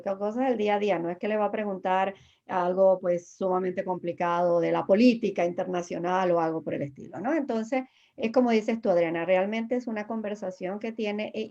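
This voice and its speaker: Lawyer lady on an interview, mellow gravelly voice, lots of "este" and restarts, kinda muffled lo-fi sound. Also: mid-range voice. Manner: patient, reassuring, many fillers and restarts. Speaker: immigration lawyer, guest. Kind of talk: explanatory interview answer.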